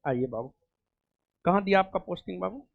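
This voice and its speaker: Joking high-voiced Bihari teacher. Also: male voice, animated, brisk, vocal fry, no echo, narrow, tinny audio. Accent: Bihari Hindi. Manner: affectionate, joking, fussy. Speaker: coaching teacher. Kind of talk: casual chat while honoring students.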